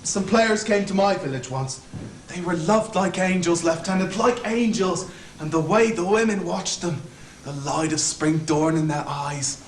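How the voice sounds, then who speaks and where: On an echoey stage and heard from afar, a young student actor voices an anxious, fawning Irish convict who serves as hangman, rambling nervously and stammering. He speaks a little slowly in a high-pitched voice, with slight background noise.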